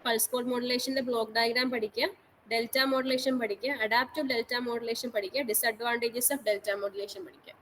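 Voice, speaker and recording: A woman's voice: a little high, steady tone, moderate pace, fairly bright tone, slight background noise, low-quality recording. A woman college teacher giving an online lecture, repeating each instruction and mixing English technical terms into her speech. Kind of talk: online class lecture on exam syllabus.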